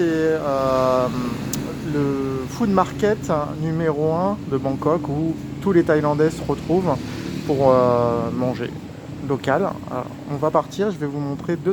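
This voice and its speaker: High-voiced man talking through a face mask. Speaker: vlogger, street food guide. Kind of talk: casual walking tour narration. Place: outdoors at a busy street market and station. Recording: outdoor street recording with clear traffic noise. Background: urban street noise, vehicles.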